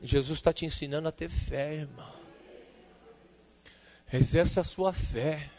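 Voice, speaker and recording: A man preaching a sermon, telling a personal story with lively acted-out dialogue and calling out to the congregation. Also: fairly high pitch, measured pace, creaky. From Brazil. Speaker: pastor.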